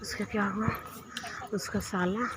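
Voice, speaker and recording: A woman's voice: medium pitch, steady tone, measured pace, very noisy. A woman telling a long personal story in a casual, rambling way, repeating herself and laughing often. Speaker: vlogger.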